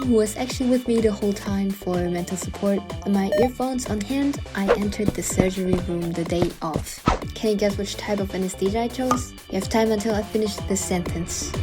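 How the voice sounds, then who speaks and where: A woman's voice: mid-range voice, moderate pace. Wry woman storyteller over prominent music. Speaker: narrator of a personal story video. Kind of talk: scripted personal storytelling voice-over. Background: music behind the voice.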